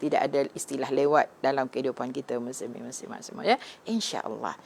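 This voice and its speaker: Low, gravelly-voiced middle-aged woman preacher. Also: brisk, slight background noise. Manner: gentle, conversational, often tagging "ya" and addressing the audience. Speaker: religious teacher. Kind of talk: live online religious talk, reading viewers' comments.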